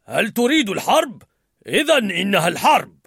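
A man voicing the hot-tempered male emotion Anger, loud and seething. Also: fairly high pitch, expressive, moderate pace, gravelly, no echo, studio quality, exaggerated voice. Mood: furious.

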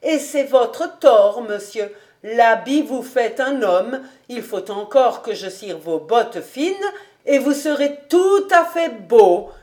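A woman's voice: fairly high pitch, lively intonation, takes it slowly, darkish tone. A woman voicing an old, talkative female housekeeper, eager and coaxing, in an audiobook reading.

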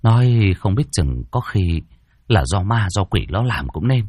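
A man voicing a wary townsman speaking in a low, hesitant hush. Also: big pitch swings, a little slow. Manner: hushed, hesitant. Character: wary superstitious townsman, hushed.

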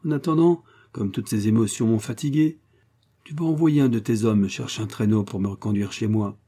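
A man's voice: fairly low pitch, brisk, husky. A man voicing a haughty, hot-tempered Russian prince who gives orders and rages in a storybook reading. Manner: imperious, shouting in fury.

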